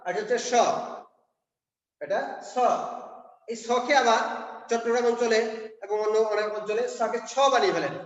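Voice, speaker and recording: High-voiced man teaching in an echoey hall. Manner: explains step by step, checks in with "কেমন?" and "ঠিক আছে?". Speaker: Bengali language teacher. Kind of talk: classroom pronunciation lesson. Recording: echoey hall, dull lo-fi sound.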